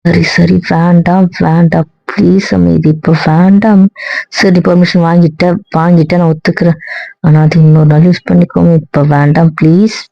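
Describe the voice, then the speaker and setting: A woman's voice: lowish voice, little pitch movement, normal speed, vocal fry, dry recording. A young woman playing the wife in a comic couple skit, pleading and coaxing, repeating herself often. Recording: dull lo-fi audio.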